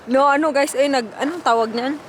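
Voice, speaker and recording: A woman's voice: sits high, fast talker. A Filipino-accented woman chatting informally in a casual vlog, recorded outdoors on a walk. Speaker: vlogger. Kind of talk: casual vlog chat mixing Tagalog and English. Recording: loud wind and outdoor street noise.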